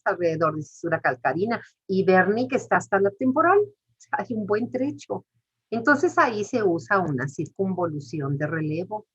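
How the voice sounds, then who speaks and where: A woman's voice: on the low side, husky. A woman, teaching a class step by step and putting questions to the students. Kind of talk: lecture. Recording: muffled lo-fi recording.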